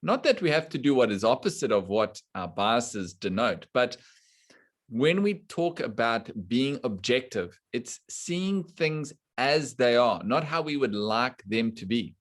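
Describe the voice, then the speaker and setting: A man teaching a scripture class to students online, explaining slowly and deliberately and putting questions to the class. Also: medium pitch, very animated. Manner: slow and deliberate, quizzing the class. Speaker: spiritual teacher.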